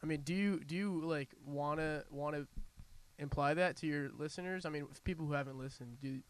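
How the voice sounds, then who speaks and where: A fairly high-pitched man hosts a casual college radio chat. He circles into his questions with repeated words and a kidding manner. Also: brisk, smooth. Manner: hesitant, repetitive phrasing, kidding. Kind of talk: casual interview banter.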